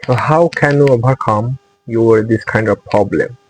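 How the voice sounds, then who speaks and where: The audio is poor, but you can hear an unhurried, mid-range male voice. He's a young Bengali-speaking man from Bangladesh running a channel for English learners, earnestly motivating his audience in accented English that circles back on the same phrasing, as non-native speakers often do.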